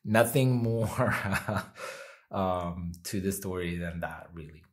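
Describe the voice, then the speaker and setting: Slow-spoken deep-voiced man. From Finland. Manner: slow, reflective, with fillers. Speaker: guest, designer. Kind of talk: casual interview talk. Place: home, in Sweden.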